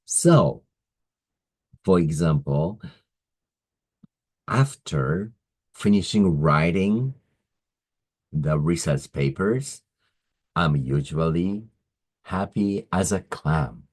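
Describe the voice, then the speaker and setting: A man teaching English idioms in a slow, explanatory lesson, pausing often with "uh" as he works through examples. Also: low voice, expressive, darkish tone, slightly rough, rough recording. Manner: deliberate, pausing, frequent "uh" fillers.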